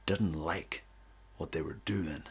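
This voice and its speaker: Gravelly low-voiced man taunting rivals. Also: steady tone, slow pace. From not from the UK. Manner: boastful, goading, swings from loud to hushed. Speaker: wrestler cutting a promo. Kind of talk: taunting wrestling promo.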